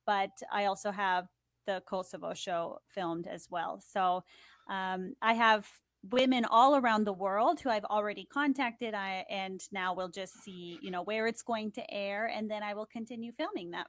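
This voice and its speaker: A woman's voice: mid-range voice, normal speed, dry recording, studio quality. Chatty young woman on a video call. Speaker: guest, TV host and producer. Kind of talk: conversational interview.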